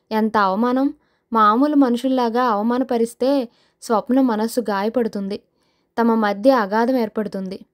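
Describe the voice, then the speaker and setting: A female audio novel narrator reads a scripted suspense novel aloud, steady and measured. Her voice is fairly high, and she keeps the telling even as the story unfolds.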